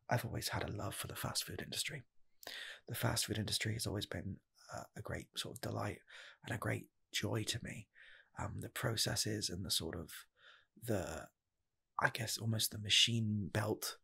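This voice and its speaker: In an improvised ASMR comedy interview, a 20-something man plays an eager, nervous rocket scientist seeking a fast-food job. He keeps his low voice soft, breathy and husky, with gravelly fry and frequent whispers, in a heavily acted delivery. Nervous and eager, he stammers, halts and circles back to repeat himself.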